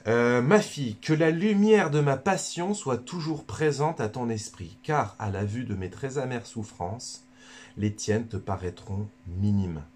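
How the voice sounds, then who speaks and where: A man's voice: medium pitch, lively intonation, a little slow, darkish tone, close to an everyday voice. A man reading as solemn Jesus. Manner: elevated, declamatory reading with mock accent. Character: solemn male Jesus addressing a disciple.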